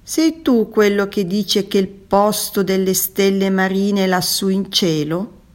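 A woman voicing a protective tuna in a children's story, speaking firmly and loudly. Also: medium pitch, unhurried, pitched above the performer's own voice, close to an everyday voice. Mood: menacing. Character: kind, friendly big tuna.

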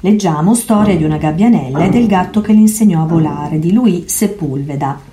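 A kindergarten teacher, a woman, reading a storybook aloud in a lively, expressive way. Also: on the low side, brisk, noisy background. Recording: echoey room.

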